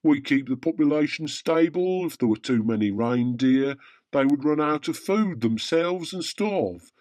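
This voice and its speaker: A man playing an immortal Father Christmas in a radio drama, measured, weary and matter-of-fact in a wry, deadpan way. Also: on the high side, no echo, studio quality. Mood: deadpan, assured. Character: Father Christmas, immortal, wryly matter-of-fact male gift-giving saint. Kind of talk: radio drama dialogue in comic pantomime.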